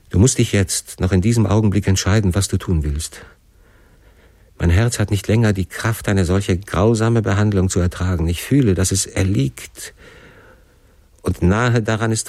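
A man's voice: low voice, darkish tone, breathy edge, no echo. A man reading a classic novel aloud in the first person, with an impassioned, theatrical delivery. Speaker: audiobook narrator.

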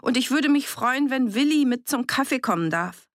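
A woman's voice: sits low, sing-song, normal speed, creaky, darkish tone, breathy edge, dry recording, clean studio sound, full character voice. A woman reader voicing a hopeful young girl who calls eagerly through a closed door.

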